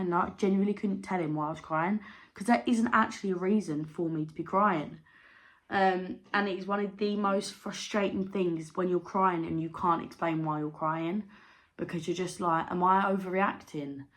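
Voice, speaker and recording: Young woman, candid chatty vlogger, slightly low voice, loose rambling delivery. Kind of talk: casual chat to camera.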